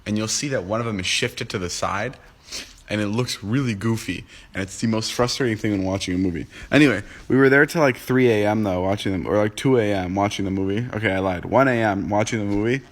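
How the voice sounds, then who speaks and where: Groggy from just waking up, a twentysomething man talks quickly in a lowish voice on a home livestream through a phone app. He chats casually with his viewers, rambling, cracking jokes and responding to their comments.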